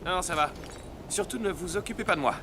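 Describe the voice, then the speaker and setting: A man's voice: high-pitched, fairly quick, noisy background, close to an everyday voice. A man playing a proud, good-humoured island king and warrior leader in a dubbed film. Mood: playful, curious. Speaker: film voice actor. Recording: film soundtrack with music behind.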